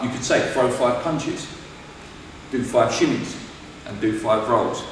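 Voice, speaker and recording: A man's voice: mid-range voice, a little hiss or hum. A young man coaching boxing, explaining and demonstrating moves while counting through the drills. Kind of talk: instructional coaching demo. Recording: roomy hall echo from far off.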